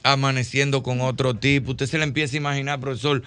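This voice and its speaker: A man's voice: mid-range voice, level tone, fast, fairly bright tone, a little hiss or hum. A man with a Dominican accent co-hosting a radio show, joking around and giving advice in casual studio banter. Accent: Dominican Spanish.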